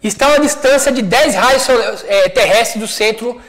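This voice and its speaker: A man with a Brazilian Portuguese accent, a studio teacher working through a high school physics exercise, chatty and checking often that students follow. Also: moderate pace, a bit bright, rough recording. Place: classroom studio.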